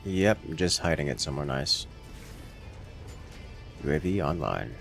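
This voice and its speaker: A man's voice: extremely low pitch, expressive, measured pace, creaky, a bit bright, soft background music. A man playing a game with friends, giving dry, matter-of-fact callouts. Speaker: co-player. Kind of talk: casual gaming chat.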